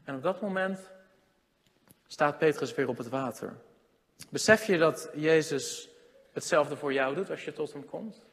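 Male preacher, fairly high voice, long hall reverb; sermon that swings from loud emphasis to hushed asides. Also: unhurried, pauses often.

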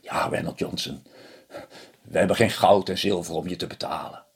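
A man voicing an old little male ceremony master who tells fortunes, in a low hushed whispery voice. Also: steady tone, moderate pace, gravelly, breathy edge, heavily acted.

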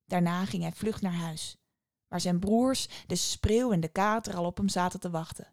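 Calm woman narrating a fairy tale. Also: lowish voice, moderate pace, no room sound, clean studio sound. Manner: calm, even storytelling. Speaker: podcast storyteller.

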